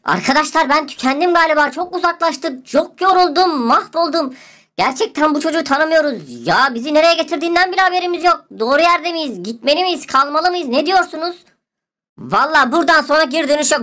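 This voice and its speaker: A woman's voice: high voice, a little fast, sharp tone. A woman voicing an anxious, whiny boy who keeps protesting and wants to go home. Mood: worried.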